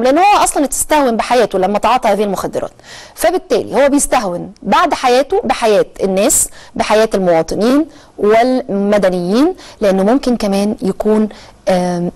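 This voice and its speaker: An Egyptian woman presents a current-affairs programme in a brisk, rapid delivery, her voice sitting a little high. She explains at length, pausing on long drawn-out hesitation sounds before pressing on. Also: darkish tone. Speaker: TV talk show host.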